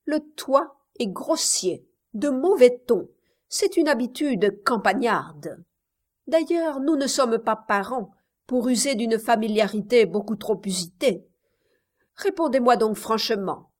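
A vain young village man snaps his words out curtly, cold and impatient, as a woman reader puts him on. The storybook voice keeps a proud, dismissive edge. The lines come slowly but with a clipped chill. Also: fairly high pitch, lively intonation, a little mellow. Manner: curt, impatient delivery.

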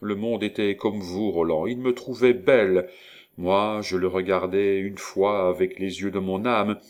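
A man's voice: low-pitched, steady tone, measured pace, darkish tone. A man doing a haughty, proud noblewoman. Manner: haughty, impassioned. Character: proud defiant young noblewoman.

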